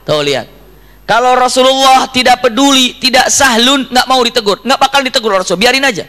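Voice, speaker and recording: A male preacher telling stories in a sermon, with animated delivery and frequent religious exclamations. His voice sits very high with a bright, forceful tone. The sound echoes long, as in a large hall. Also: fairly quick. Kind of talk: sermon to a women's study group.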